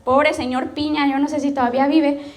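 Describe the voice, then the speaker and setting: A woman's voice: sits high, flat delivery, a little fast. A Mexican woman pastor telling her life story as a testimony, storytelling and often checking in with the audience. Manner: storytelling, addresses the audience directly with frequent "¿ok?". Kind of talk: personal testimony sermon.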